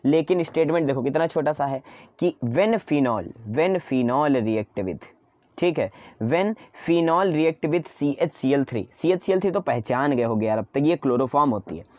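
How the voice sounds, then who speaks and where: A man's voice: on the high side, lively intonation, unhurried, a little mellow, no echo, muffled recording. A man teaching an online chemistry lesson in mix, chatty and coaxing, often repeating his own questions to students.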